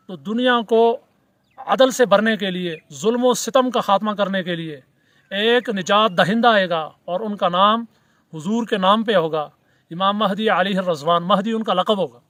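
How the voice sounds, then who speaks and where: A man's voice: sits high, fairly bright tone, dry recording. A middle-aged man, a cleric and mufti speaking, gives a sarcastic, formally polite religious commentary in a video. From Pakistan.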